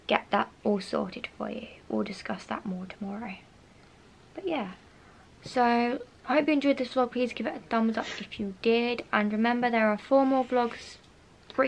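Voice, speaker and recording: Young woman vlogging, rambling and repetitive. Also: on the high side. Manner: rambling, repeats herself, drops to a whisper at times. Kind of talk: casual vlog chat. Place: bedroom at home, indoors. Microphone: handheld camera close to face.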